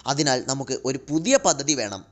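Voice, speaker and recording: A man's voice: mid-range voice, lively intonation, brisk, natural voice. A man voicing a firm, authoritative goddess queen giving orders in a comic retelling. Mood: commanding. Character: commanding queen mother goddess, female.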